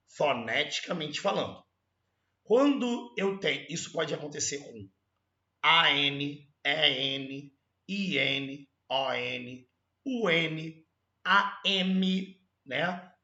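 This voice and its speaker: A man with a Brazilian Portuguese accent teaching an exam correction lesson, animated and emphatic, stretching out sounds to show them. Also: a little high, echoey room, highs cut off.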